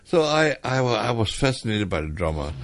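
A man's voice: medium pitch, sing-song, fairly quick, dry recording, faint music behind. An older man from Hong Kong, reminiscing hesitantly with many fillers in an interview. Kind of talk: oral history interview.

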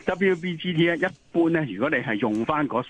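A man's voice: a little high, animated, brisk. A man with a Hong Kong Cantonese accent, an expert guest explaining didactically over the telephone, repeating points for emphasis. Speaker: interview guest, occupational health expert. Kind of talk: explanatory interview answers. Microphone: telephone call. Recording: tinny phone line with noise.

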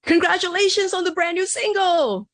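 A woman's voice: very high-pitched, normal speed, fairly bright tone, no echo. A woman radio interviewer, enthusiastic and teasing with her guest.

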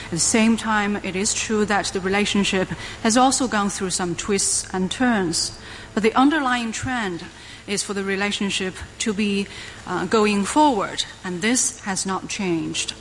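A woman giving a live interpreter voice, rendering a speech into English at a measured pace with occasional fillers. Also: medium pitch, slight background noise, poor audio.

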